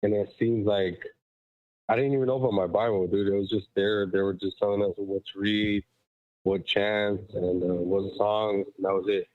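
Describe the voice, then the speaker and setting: This caller speaks at normal speed in a fairly low voice with little pitch movement, phoning a show while power walking. His casual chat is rambling, emphatic, and full of fillers. The line is dry, tinny, and muffled, like hearing him through a wall, with no echo.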